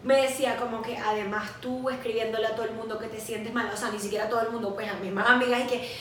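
Una mujer de unos veinte años con acento venezolano, copresentadora de un pódcast, que cuenta sus vivencias con franqueza y anima sus relatos imitando voces. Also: female voice, fairly high pitch, fast, heavy reverb, far from the mic, slight background noise. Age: 20s. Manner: candid, animated storytelling with acted quotes. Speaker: podcast co-host. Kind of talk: casual chat.

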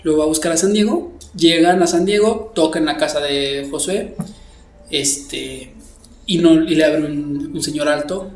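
A man telling a story in a casual podcast chat, animated and full of fillers. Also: a little high, a little slow, a little hiss or hum. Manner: animated storyteller, acts out quotes, many fillers. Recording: roomy echo.

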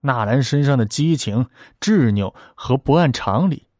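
Man, storyteller, historical tale, lively rhythm, mid pitch, dry close recording. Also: a little slow, no echo. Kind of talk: spoken historical story narration.

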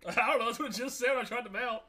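A man talking like a hyped gamer bro on a casual game stream, animated, exclaiming, slangy and profane. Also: very high voice, fast. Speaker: game livestreamer and podcaster. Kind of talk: casual gaming stream chat.

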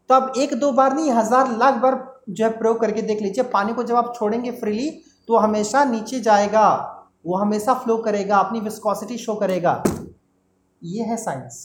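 A woman with a fairly high voice teaches a class in Hindi, slipping into terms. She explains patiently and asks rhetorical questions, repeating the key terms. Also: slight background noise. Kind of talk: classroom lecture.

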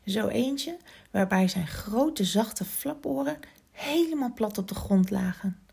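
A woman hosting a children's story podcast, narrating gently and expressively and sometimes dropping to a whisper. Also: medium pitch, lively intonation, takes it slowly, vocal fry, husky.

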